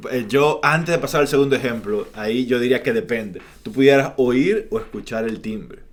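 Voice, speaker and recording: A man's voice: mid-range voice, normal speed. Man, podcast co-host, casual chat, explanatory, lecturing. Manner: explanatory, lecturing on word meanings.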